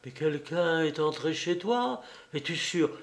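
A man's voice: expressive, a little slow. A man doing a tearful old nurse. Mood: tearful pleading. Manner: pleading, sobbing, higher-pitched. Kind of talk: audiobook reading.

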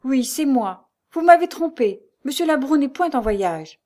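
A woman's voice: mid-range voice, lively intonation, moderate pace, warm tone, close to an everyday voice. Woman reading as an anxious young fiancée. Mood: indignant. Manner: pleading, growing indignant.

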